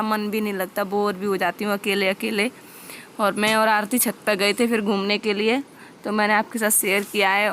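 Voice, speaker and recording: A woman's voice: fairly high pitch, fairly bright tone, slight background noise. A young adult woman chatting homely and directly to viewers as she narrates a casual home vlog. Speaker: vlogger.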